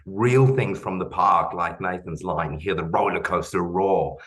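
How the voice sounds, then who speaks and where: A man's voice: sits low, unhurried, fairly bright tone. A man talking enthusiastically about making a song, rambling a little. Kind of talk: casual chat.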